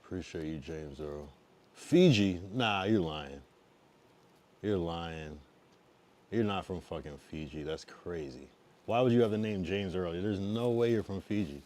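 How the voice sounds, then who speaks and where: A low-pitched male voice, a little slow, comes from a thirty-something from Massachusetts and Connecticut on the US East Coast. Casually chatting with viewers on stream, he stays laid-back, getting loud and then trailing away into a mumble.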